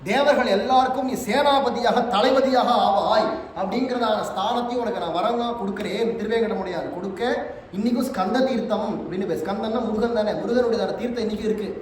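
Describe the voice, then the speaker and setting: A man giving a devotional religious discourse, telling stories and chanting verses in a drawn-out sing-song. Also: high-pitched. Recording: echoey hall, distant mic, faint noise.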